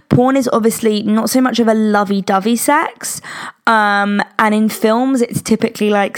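A young British woman in her twenties hosting a podcast, chatting frankly and giggling, with lots of fillers. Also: on the high side. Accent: British English. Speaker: podcast host. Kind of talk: casual chat.

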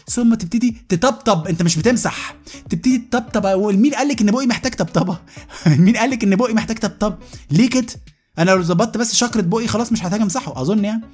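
A husky-voiced man with an Egyptian Arabic accent tears through a comic rant at breakneck speed, exasperated and mocking, restarting words as he goes. Faint music plays quietly behind him. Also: high-pitched. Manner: exasperated, mocking, rapid-fire with frequent restarts. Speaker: podcast host.

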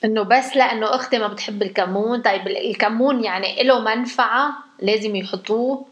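A young woman with a Lebanese accent chats with her mother on a casual family phone call, playful and full of teasing questions. She talks fast in a fairly high voice, and the sound is lo-fi.

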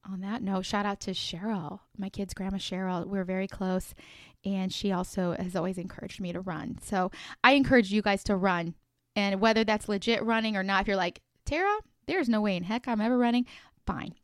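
A woman's voice: mid-range voice, brisk, no room sound, studio quality. A woman in her thirties hosting a motivational podcast, upbeat and emphatic, repeating phrases to encourage her listeners. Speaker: podcast host.

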